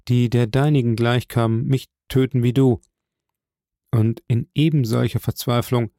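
A man voicing a solemn, fatherly nobleman who speaks slowly and gravely. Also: mid-range voice, dark tone, no echo, clean studio sound. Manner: slow, grave and measured.

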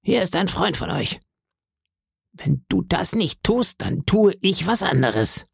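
A man voicing a menacing blind old sea beggar in an audiobook, speaking in a slow, eerie sing-song that sounds cruel and cold. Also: sits high, sing-song, gravelly, breathy edge, no echo, clean studio sound, pitched above the performer's own voice, exaggerated voice. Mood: threatening. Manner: slow, drawn-out wheedling delivery.

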